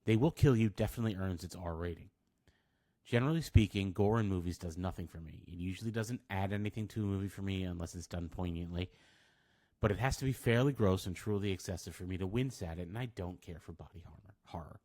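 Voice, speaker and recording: Very deep-voiced man reviewing a film. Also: fast talker, dark tone. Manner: wry, dry asides.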